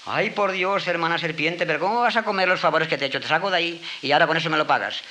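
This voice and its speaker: A clever vixen from a spoken folk tale, voiced by a man, pitched well above his own voice. She is loud and imploring. The tone is bright and the melody swings widely. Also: very animated, a little fast, slight background noise. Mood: pleading. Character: pleading clever female fox.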